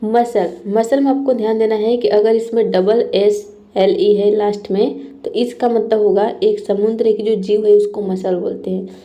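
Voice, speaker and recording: Woman teacher with a warm, mellow voice, walking learners patiently through word pairs and spelling each one. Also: medium pitch, level tone, moderate pace, hardly any pauses. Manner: spells words out letter by letter; checks in with frequent "okay". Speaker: English teacher. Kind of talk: explaining vocabulary lesson.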